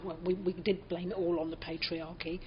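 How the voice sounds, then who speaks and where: Speaking a little fast, an older British woman with a fairly low voice and little pitch movement reminisces during an oral history interview. She reflects through anecdotes and acts out reported speech, recorded in dull, muffled lo-fi sound.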